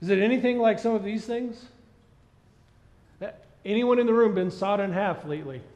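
A middle-aged man preaching a sermon on a church stage, animated and asking the congregation questions. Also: high voice, moderate pace. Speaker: pastor. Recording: dull sound with long hall reverb.

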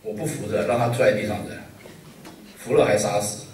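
A male pastor preaching a sermon with humor and a steady stream of rhetorical questions. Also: on the low side, fairly quick, slight background noise. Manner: lively, joking, full of rhetorical questions. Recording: echoey hall, voice from a distance.

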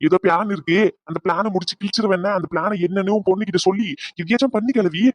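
A woman's voice: medium pitch, fast talker, no room sound, lightly acted. A woman voicing a blunt, scolding family man in a cartoon, with mocking remarks. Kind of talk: cartoon voice acting.

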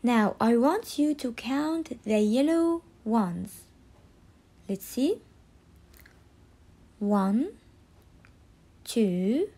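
Woman, kindergarten teacher, high voice, very slow delivery, teaching a child to count with simple prompts. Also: dark tone. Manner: simple short phrases with emphasized key words. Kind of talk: early-years counting lesson for children. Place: voice-over on a screen-recorded slide lesson.

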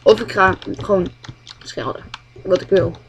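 A woman muttering commentary while playing a game, swearing a lot and often speaking quietly. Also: medium pitch, expressive, unhurried, breathy edge. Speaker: gamer. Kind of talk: gameplay commentary.

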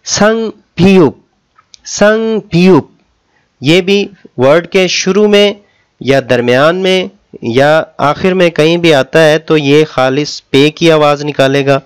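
A man teaching a language lesson, repeating each sound slowly and explaining it with patience. His voice sits a little high for a man and comes across smooth and clear. He speaks Urdu as his first language. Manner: slow drawn-out pronunciation drills, patient explaining.

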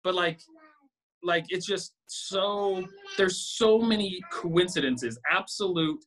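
A man's voice: sits high, takes it slowly, a bit bright, a little hiss or hum, low-quality recording. A man being interviewed, speaking earnestly and reflectively with frequent hesitations. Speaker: interview guest, stunt double. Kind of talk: casual interview chat.

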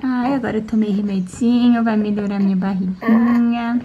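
A woman's voice: fairly high pitch, fairly even intonation, moderate pace, dull audio, a little hiss or hum, lightly acted. A woman voicing her baby boy in a sing-song baby talk, over background music. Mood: cooing. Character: baby boy, tiny and sweet.

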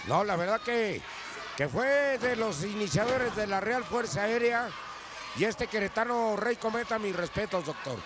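A man's voice: high-pitched, lively intonation, measured pace. A man with a Mexican accent, a wisecracking, teasing wrestling commentator calling the action live. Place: ringside commentary table in indoor arena. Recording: loud arena noise throughout.

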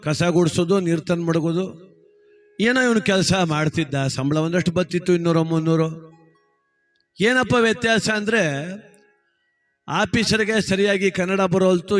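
Man, folk comedy storyteller, chatty, teasing asides, high voice.

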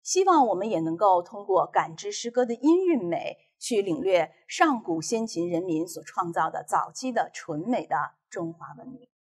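Female teacher from China, recorded class lecture, measured and clear, lively pitch, a bit husky. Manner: clear, measured explanation of reading techniques.

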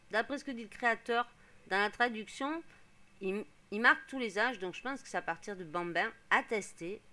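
A hoarse woman streaming a life-sim game, explaining each step casually with lots of fillers. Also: mid-range voice, sharp tone. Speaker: gaming streamer. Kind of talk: casual gameplay commentary.

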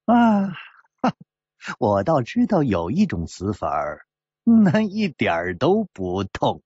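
A man voicing a brash, devil-may-care young male swordsman who gambles and laughs loudly, as a storyteller acting out dialogue. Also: medium pitch, wildly swooping pitch, slow pace, slightly rough, no echo, dull audio, full character voice. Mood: cocky, reckless.

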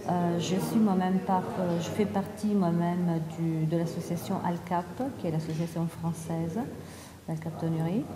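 A middle-aged woman from Italy speaks in a measured way, often pausing to hesitate. Her voice sits on the low side. It rings through a large reverberant hall with a crowd murmuring behind her. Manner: measured, hesitant, frequent "euh" pauses. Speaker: patient sharing her story. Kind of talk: calm conversational testimony. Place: large room with tall windows, seated at a round table.

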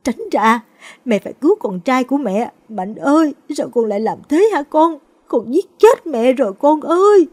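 A woman voicing a grieving elderly mother who laments in a high, strained voice. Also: normal speed, dark tone, breathy edge. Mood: wailing. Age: older.

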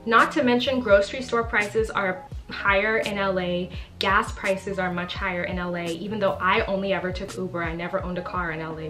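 A woman's voice: medium pitch, fairly bright tone. Brief chatty, emphatic woman in her twenties from the Bahamas, vlogging to camera at close range, faint music underneath. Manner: chatty and emphatic, often says literally. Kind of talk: casual talking-to-camera vlog. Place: small bright living room indoors.

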